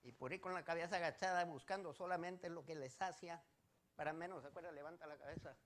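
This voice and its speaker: A male pastor preaching a sermon, firing rhetorical questions at his congregation and swinging between loud declarations and quiet asides. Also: on the high side, fast, slight background noise.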